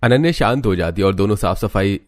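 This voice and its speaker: A man narrating a cartoon story in an even storytelling manner. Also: on the low side, a little fast.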